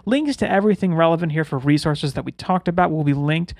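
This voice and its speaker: A man's voice: on the high side, fast, dry recording, studio quality. A man hosting a podcast in casual, chatty style, with whistling S sounds when he speaks. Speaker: podcast host.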